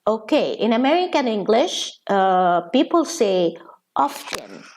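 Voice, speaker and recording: Woman teacher, arabic first language, reads words out real slow, lots of ums. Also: mid-range voice, expressive, a little mellow, a little hiss or hum. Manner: reads word lists slowly, hesitant fillers and restarts. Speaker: English pronunciation teacher. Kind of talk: slow instructional lesson.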